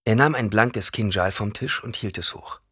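A man reading an audiobook as narrator in an expressive storytelling manner. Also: lowish voice, normal speed, breathy edge, dry recording, clean studio sound. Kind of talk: scripted narration.

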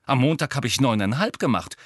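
A man voicing a pompous, study-obsessed teenage boy who boasts loudly and pushily. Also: lowish voice, lively intonation, fairly quick, dry recording, studio quality. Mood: boastful. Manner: boastful, pushy, loud.

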